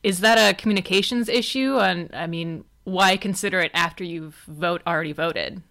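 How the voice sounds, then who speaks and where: A woman hosts a podcast conversation, putting wry questions to her guests. Her voice sits on the low side yet sounds bright and crisp. The pace is relaxed and chatty. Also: moderate pace. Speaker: podcast host. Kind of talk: casual podcast hosting.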